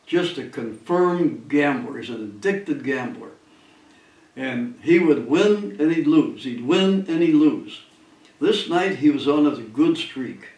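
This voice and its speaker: An older man tells a story in a loose, digressive way, chuckling now and then. His voice sits a little high, and it sounds roomy, as if he is some distance from the mic. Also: darkish tone. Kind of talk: casual spoken storytelling.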